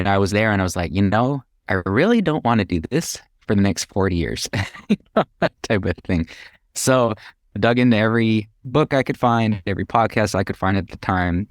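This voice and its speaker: Low-pitched and recorded dry in a clean studio, this middle-aged American man from Hawaii is a real estate investor appearing as a podcast guest. He tells his own story conversationally, chuckling as he talks.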